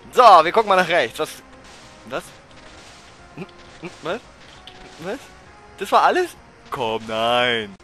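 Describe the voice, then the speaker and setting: A man commentating a blind playthrough of a video game, excitable and prone to frustrated outbursts and swearing. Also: mid-range voice. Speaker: let's player. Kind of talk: blind let's play commentary.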